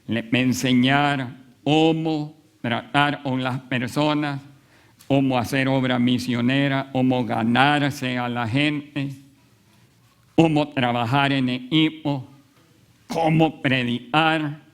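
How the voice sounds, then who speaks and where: A man preaching a sermon, telling a story with frequent pauses and fillers. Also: medium pitch, steady tone, clear, resonant tone. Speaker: pastor.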